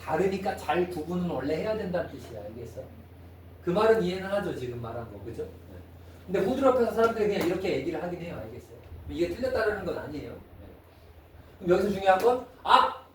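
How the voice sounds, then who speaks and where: A man lectures on math to a class, his voice pitched high and always coming back to quick questions to check that the students follow. The sound is roomy and echoey, caught from a distance with a faint hiss underneath. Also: sing-song. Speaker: math teacher. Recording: echoey room, mic far off, faint noise.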